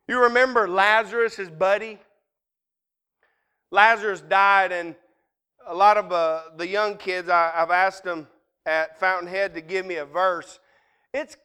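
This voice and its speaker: A man's voice: high-pitched, sharp tone, clean tone. A man, preaching a folksy, conversational sermon and acting out Bible scenes in everyday dialogue.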